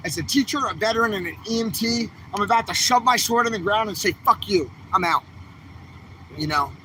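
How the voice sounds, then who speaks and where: A man on an outdoor city street films himself on a handheld phone, delivering a fiery, repetitive livestream rant packed with angry calls to action. His voice is high, sharp and a little fast, and the poor audio carries slight hiss or hum.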